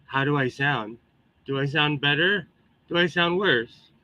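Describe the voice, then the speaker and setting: A man's voice: on the high side, unhurried, bright, forceful tone, no echo. A man chatting casually as a livestream host, exclamatory and chatty, with a tinny, metallic microphone sound. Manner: chatty, exclamatory, greets viewers. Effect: tinny, metallic tin-can microphone sound. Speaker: livestream host, sewing hobbyist.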